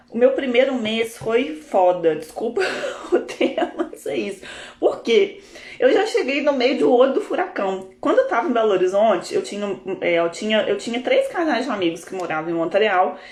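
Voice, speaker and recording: A Brazilian woman, a coach, telling a story in a live session in a lively, expressive way. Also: a little high, normal speed. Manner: animated, expressive, laughs often. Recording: roomy echo.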